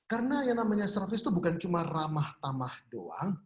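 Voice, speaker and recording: A man leads an online business seminar, chatty and quick to laugh as he puts questions to his audience. His voice sits a little high. The sound carries a roomy echo. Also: very animated.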